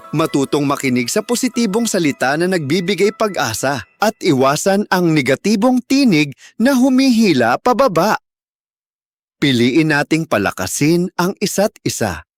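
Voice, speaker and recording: A storyteller giving expressive scripted narration of children's moral stories. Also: medium pitch. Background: background music.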